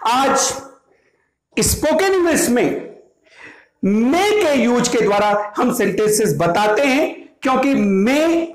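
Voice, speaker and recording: A slow-speaking Indian man with a very high voice, teaching spoken English to a class. He explains each point patiently, repeating it in Hindi. His voice sounds echoey in a roomy classroom. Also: big pitch swings. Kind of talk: classroom language lesson. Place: classroom with students.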